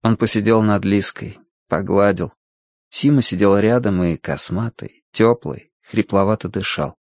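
Low-voiced male audiobook narrator. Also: unhurried, no echo, studio quality. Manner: steady, quiet storytelling.

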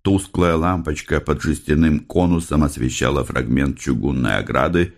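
A man narrating an audiobook in an expressive, dramatic reading. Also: very deep voice, moderate pace.

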